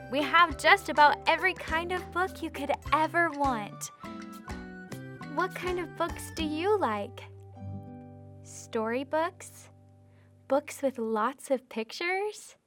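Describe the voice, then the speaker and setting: Young lady hosting a kids video, slow and sing-songy, bright cheery voice. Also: high-pitched, animated, faint music behind. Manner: cheery, sing-song, talks to young children. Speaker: children's librarian host. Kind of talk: children's video presenting.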